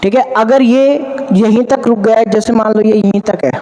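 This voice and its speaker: Male physics teacher, high and mellow-toned, drills the class with call-and-answer questions; long hall reverb. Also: steady tone, moderate pace. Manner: addresses students warmly as 'beta'. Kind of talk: classroom lecture at a board.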